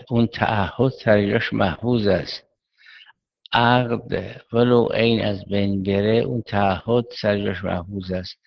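A man lectures on Islamic jurisprudence in a measured, methodical way, raising questions and answering them himself. His voice sits low. The recording is dull and lo-fi. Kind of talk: seminary lecture.

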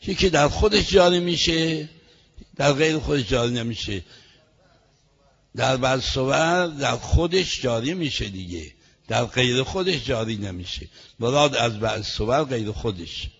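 A man teaching a class, reading a text slowly and then explaining it quickly, and correcting a student's reading. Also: mid-range voice, expressive, vocal fry, a bit bright, slightly rough, in a large hall, muffled recording. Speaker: seminary teacher.

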